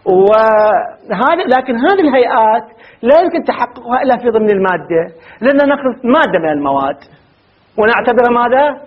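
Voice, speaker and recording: A man's voice: extremely high pitch, very animated, quick pace, phone-quality sound. A man giving a classroom grammar lecture, quizzing his students with rhetorical questions and repeating word forms aloud. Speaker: grammar teacher.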